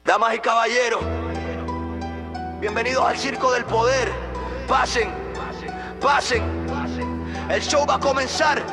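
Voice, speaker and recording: A man's voice: very high-pitched, steady tone, unhurried, long pauses. A man playing a circus ringmaster, theatrically announcing a satirical show. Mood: showman invitation. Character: male circus ringmaster barker inviting crowd to corrupt show. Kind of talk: theatrical spoken intro to satirical hip hop track. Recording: loud hip hop music behind.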